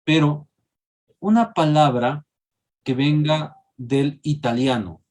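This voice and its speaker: A man's voice: fairly high pitch, takes it slowly, a little mellow. A man, lecturing a class and checking in with students by asking questions. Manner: engaging, questions students often, tags with "¿sí?". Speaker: teacher.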